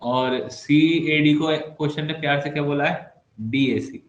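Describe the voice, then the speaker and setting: A man's voice: fairly high pitch, steady tone, measured pace, lo-fi sound. Guy teaching maths online, jokey and chatty, echoey room. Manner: playful, chatty, teasing students with asides. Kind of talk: online class lecture. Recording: echoey room with faint background noise.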